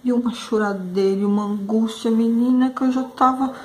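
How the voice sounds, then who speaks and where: A woman's voice: on the high side, fairly even intonation, normal speed. Emotional woman telling a story. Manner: emotional, exclamatory, addresses viewers as "gente". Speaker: craft painter and channel host. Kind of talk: chatty storytelling while painting a tutorial.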